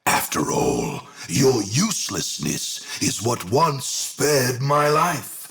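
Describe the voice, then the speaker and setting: Video game villain: menacing general, very slow and hard-edged, gravelly, grandiose, sneering contempt. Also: male voice, medium pitch, huge pitch swings, a bit bright, exaggerated voice. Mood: cold contempt. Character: menacing male general, megalomaniacal cold villain.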